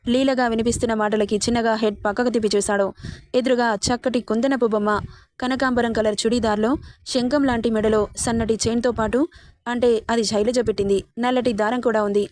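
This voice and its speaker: A woman reading a romantic family story aloud in a steady storybook narration. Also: on the high side, fairly quick, no room sound.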